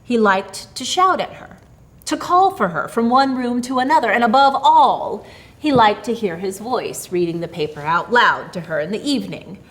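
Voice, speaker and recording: A woman with a fairly high voice narrates a story expressively, with very varied intonation and dramatic, deliberate phrasing.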